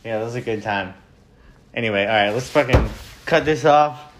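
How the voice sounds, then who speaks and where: A man's voice: mid-range voice, moderate pace, noisy background. A man hosting a casual podcast chat with profane, laid-back frat-bro slang. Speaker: podcast host.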